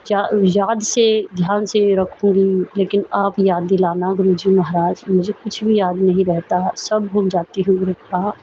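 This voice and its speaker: A middle-aged woman with a slightly hoarse throat, sharing a devotional testimony and praying, repeating her thanks in a soft, prayerful cadence. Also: medium pitch, little pitch movement, a little slow, few pauses, muffled recording, slight background noise.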